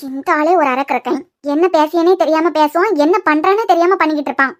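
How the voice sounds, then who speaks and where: A woman doing a very high-voiced weepy young wife. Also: fast, lightly acted. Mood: scolding. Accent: Kanyakumari Tamil. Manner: plaintive, pleading, sulky. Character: young pregnant wife, weepy and easily hurt. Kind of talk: cartoon web series voice acting.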